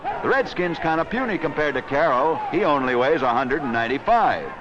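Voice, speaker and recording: Animated and brisk, a man with a fairly high-pitched voice narrates a wrestling match for a 1940s newsreel. The script calls for a theatrical, slangy, wisecracking style, and it survives on a dull, noisy 16mm film soundtrack.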